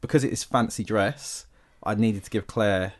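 A man hosts a casual podcast chat with his friends. His voice sits a little low, and he rambles freely, often tripping over his words. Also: normal speed. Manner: chatty, stumbles over words. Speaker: podcast host.

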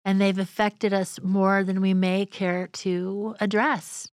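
A woman hosting a faith podcast interview, speaking in a gentle, affirming way. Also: mid-range voice, level tone, slow pace, clear, resonant tone, dry recording, clean studio sound. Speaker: podcast host. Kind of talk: conversational interview.

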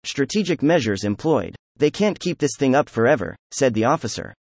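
A man's voice: medium pitch, very animated, fairly quick, vocal fry, darkish tone, no room sound. Man reading a story in a dry, close voice. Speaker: audiobook narrator. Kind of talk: scripted narration.

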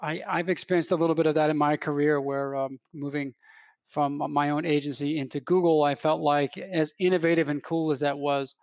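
Slightly higher-voiced podcast host, dry sound. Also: male voice, a little fast, no room sound, muffled recording. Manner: conversational, relaxed questioning. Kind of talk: podcast interview.

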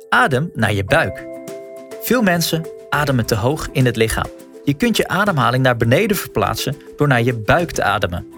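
A man's voice: medium pitch, a bit bright. A man narrating a scripted guided wellness walk as a coach, speaking informally and encouragingly straight to the listener.

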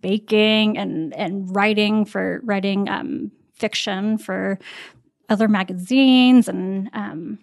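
Woman telling a story with animated quotes. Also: mid-range voice, slow, vocal fry. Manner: animated, acts out quoted voices with fillers. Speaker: guest. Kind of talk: personal storytelling in conversation.

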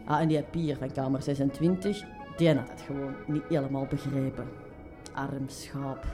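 A woman's voice: extremely low pitch, fairly even intonation, moderate pace. A woman with a Flemish accent playing a chatty, easygoing worm who runs a hotel, in a children's drama. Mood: matter-of-fact, chatty. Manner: folksy, chatty, explanatory. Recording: music under the voice.

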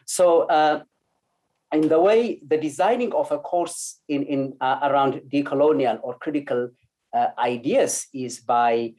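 A man's voice: a little high, unhurried, a little mellow. A man from Ethiopia speaking as a lecturer on an online panel, hesitant with many fillers and restarts. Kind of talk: academic panel talk.

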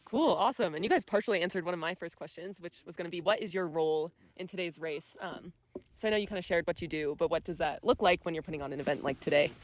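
A woman's voice: lowish voice, fast. A woman hosting a podcast, chatting and interviewing in an informal, upbeat way. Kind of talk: casual chat.

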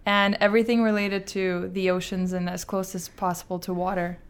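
A woman's voice: medium pitch, little pitch movement, brisk, clean tone. A woman from Azerbaijan, speaking as a guest in a conversational interview. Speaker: interview guest, startup founder.

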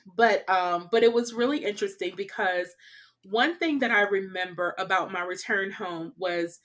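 Lively laughing woman telling travel stories. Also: medium pitch, moderate pace. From California. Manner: animated, laughs often, lots of "like" and "you know". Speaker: interview guest. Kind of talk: casual conversational storytelling.

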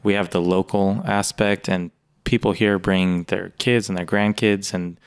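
A very low, smooth-voiced man chatting on a podcast. He is easygoing and agreeable, and his clear, resonant tone carries well. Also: fairly even intonation, unhurried. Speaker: podcast co-host, music store employee. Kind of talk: casual podcast conversation.

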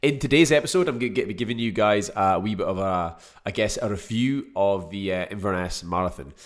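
A man's voice: low voice, brisk. A man with a Scottish accent hosting a casual solo podcast, chatting informally and rambling a little, his voice congested and choked up from a cold. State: has a cold. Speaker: podcast host.

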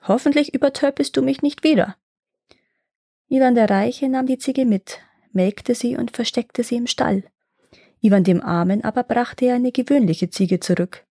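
A woman's voice: fairly high pitch, normal speed, dark tone, no room sound. Woman reading a fairy tale, dry and close. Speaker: storyteller.

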